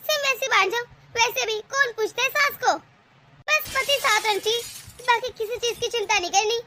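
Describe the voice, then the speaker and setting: A woman's voice: very high voice, bright, forceful tone, a little hiss or hum. A woman voicing a clever young daughter-in-law in a cartoon, sweetly polite but cheeky. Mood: sly sweet. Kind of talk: animated cartoon voice acting.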